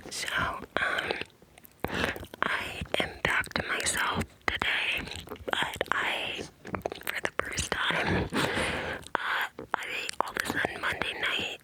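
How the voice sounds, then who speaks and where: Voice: slow, long pauses, poor audio. A person whispering breathily into cupped hands close to the mic, in a casual, rambling ASMR style with hesitant asides. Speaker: ASMR creator. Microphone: close ear-to-ear microphone.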